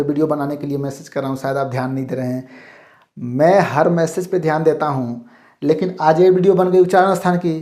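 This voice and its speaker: A man's voice: on the high side, dark tone. A male Hindi teacher giving a mock demo class, asking questions, then answering them himself, in a call-and-response manner. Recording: roomy echo.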